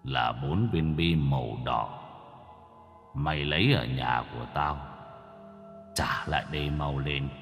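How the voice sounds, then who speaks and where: A man voicing a vengeful one-eyed male ghost in a spoken horror story, with a deep, low, booming growl. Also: measured pace, pauses often, a bit bright, big-room sound, faint music behind, full character voice. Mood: menacing.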